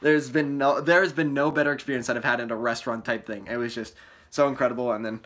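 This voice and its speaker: A young man excitedly recapping a trip in a casual vlog, rambling with many fillers and restarts, his voice a little worn from yelling. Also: mid-range voice, fast talker. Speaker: vlogger.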